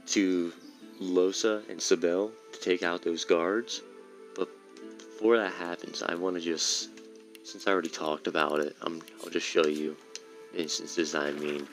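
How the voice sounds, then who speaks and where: A man giving casual, rambling commentary while playing a game, often correcting himself mid-sentence. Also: low voice. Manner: rambling, self-correcting explanations. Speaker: gameplay streamer.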